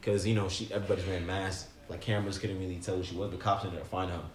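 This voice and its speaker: A man's voice: low voice, flat delivery, rapid-fire, reverberant. A man co-hosting a podcast, telling a story in a casual, slangy, profane way. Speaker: podcast co-host. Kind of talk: casual chat.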